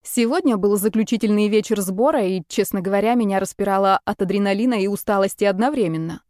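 A woman's voice: mid-range voice, fast talker, darkish tone, no room sound, clean studio sound. A woman reading a first-person story as an audiobook, with a wry, conversational manner. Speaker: narrator.

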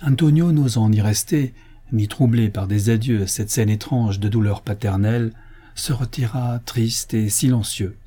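A man reading a story as an audiobook narrator, in a measured, even manner. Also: lowish voice, slightly rough.

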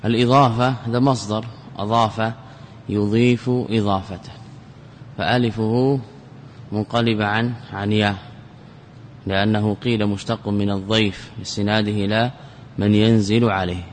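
A man's voice: on the low side, flat delivery, moderate pace, big-room sound, slight background noise. A man giving a classical Arabic grammar lesson as a sheikh. He explains step by step, often repeats words, and asks questions that he then answers himself.

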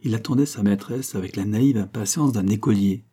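Low, mellow male audiobook narrator. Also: slightly rough. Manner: measured, dramatic storytelling. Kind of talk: scripted narration.

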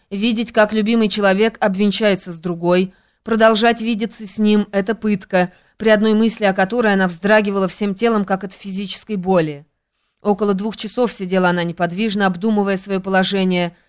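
A woman reading a classic novel as audiobook narration, in an even, measured way. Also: medium pitch, smooth. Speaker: audiobook reader.

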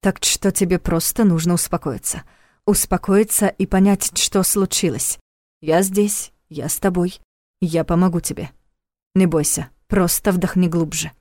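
A woman voicing a calm, steady man who soothes a frightened friend in a firm, reassuring way. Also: fairly low pitch, measured pace, no room sound, studio quality, close to an everyday voice. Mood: soothing.

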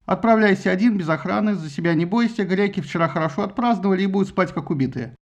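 A man's voice: high voice, pitched above the performer's own voice. Hermes, a man doing a glib trickster god. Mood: breezy. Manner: brisk, flippant, talks quickly. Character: glib, fast-talking male messenger god.

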